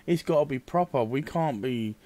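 A man's voice: mid-range voice, moderate pace, warm tone. Blunt British guy, chatty podcast host. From Britain. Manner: blunt, swears freely. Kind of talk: casual podcast chat.

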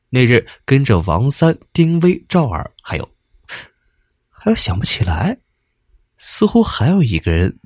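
A man narrating a ghost story in lively storytelling style with dramatic pauses. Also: on the low side, husky, dry recording, clean studio sound.

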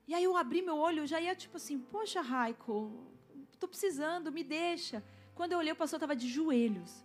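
Woman pastor, high voice, storytelling sermon, soft music bed. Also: expressive, fairly quick. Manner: storytelling, asks the congregation to respond. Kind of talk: sermon with personal testimony.

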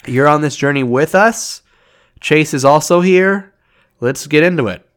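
A man's voice: fairly high pitch, a little slow, a bit bright. A man co-hosting a casual gaming podcast, sick with a nasal, sniffly voice and a jokey, upbeat way of talking. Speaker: podcast co-host.

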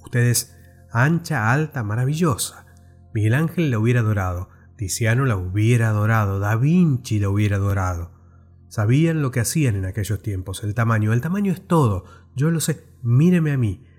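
A man's voice: mid-range voice, expressive, moderate pace, darkish tone, faint music behind, close to an everyday voice. A man voicing an eager little male fairground performer who speaks rapturously, in a storybook reading. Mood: admiring. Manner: rapturous, pleading.

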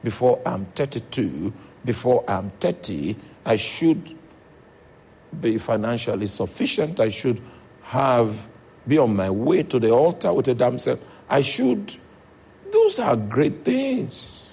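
A man's voice: mid-range voice, big pitch swings, slow, creaky, mellow, husky. A man with a Nigerian accent preaching a sermon as pastor, checking in with his congregation as he goes.

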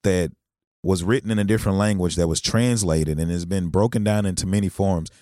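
Blunt, low-voiced man talking casually. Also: fairly quick, warm tone, no room sound, clean studio sound. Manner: blunt, emphatic, peppered with swearing and slang. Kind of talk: casual opinionated conversation.

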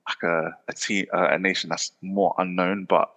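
A man's voice: low voice, flat delivery, moderate pace, pushed and bright, big-room sound. A man co-hosting a podcast, chatting about football in a rambling way full of fillers. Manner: rambling, filler-heavy, laughs often. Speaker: podcast co-host. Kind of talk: casual football chat.

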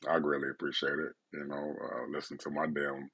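Man, extremely low voice, husky, intimate podcast host, laid-back, right in your ear. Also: monotone, a little fast, fairly bright tone. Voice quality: very deep, gravelly, husky. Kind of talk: casual, intimate late-night solo podcast talk.

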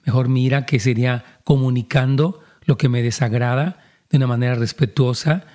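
A man's voice: mid-range voice, steady tone, a little fast, darkish tone. A man, a pastor giving earnest counseling talk and speaking directly to listeners.

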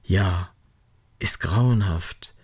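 Old real santa, slow and earnest, low raspy voice, a man putting him on. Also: a little mellow, dull audio, exaggerated voice. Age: older.

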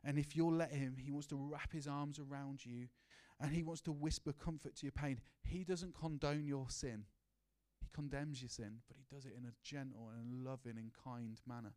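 A man's voice: medium pitch, steady tone, normal speed, darkish tone. Earnest man preaching a sermon. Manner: earnest, personal, with many restarts and rhetorical questions.

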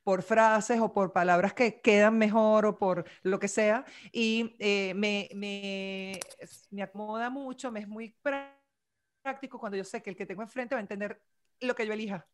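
A woman in lively casual chat, eager to add her own examples. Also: mid-range voice. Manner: lively, quick to jump in.

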